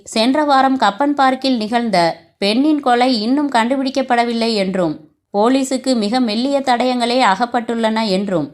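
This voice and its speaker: A woman with a fairly high voice reads a crime novel aloud from start to finish. The narration and every character's lines come out in her same natural voice, without putting on separate voices.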